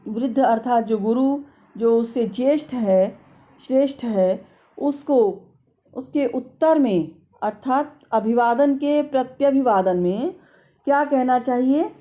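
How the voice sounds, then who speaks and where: A middle-aged woman giving a slow, explanatory lecture on a classical text, carefully drawing out vowels to demonstrate how they are pronounced. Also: fairly high pitch, mellow. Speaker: Sanskrit lecturer.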